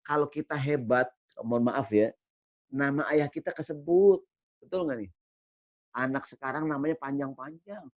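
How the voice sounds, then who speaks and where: A man, an Islamic teacher giving a religious study lecture as a lively, joking storyteller who keeps checking in with his listeners. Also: mid-range voice, normal speed, pauses often, no echo, highs cut off.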